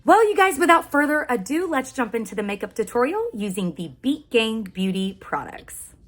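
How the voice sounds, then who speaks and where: A woman's voice: on the high side, very animated, normal speed, fairly bright tone. Gushing American woman vlogger, music behind. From Oklahoma, United States. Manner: gushing, emphatic repetition of words. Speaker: beauty vlogger. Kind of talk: casual makeup tutorial chat.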